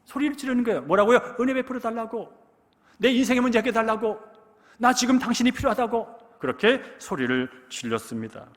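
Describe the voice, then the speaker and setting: A man preaching a Sunday sermon as pastor. He acts out quoted cries in loud bursts and asks the congregation questions. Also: extremely high pitch, animated, fast, in a large hall. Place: church sanctuary.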